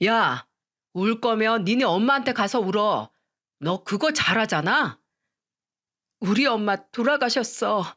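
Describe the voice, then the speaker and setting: A woman's voice: mid-range voice, animated, unhurried, fairly bright tone. A woman voicing a bitter divorced man who scolds his ex-wife with contempt, in a read-aloud radio story. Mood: scornful, scolding. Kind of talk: storytelling radio drama reading.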